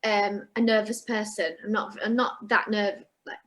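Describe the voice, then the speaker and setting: A young woman, a singer and actress, speaks as a guest in a casual interview. Her voice is mid-range with little pitch movement and a normal pace. She is chatty, often restarting her sentences and using fillers.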